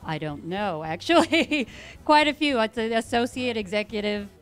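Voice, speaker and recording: A woman's voice: on the high side, animated, moderate pace. A woman producer and singer chatting casually and enthusiastically in an interview. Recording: faint music behind the interview.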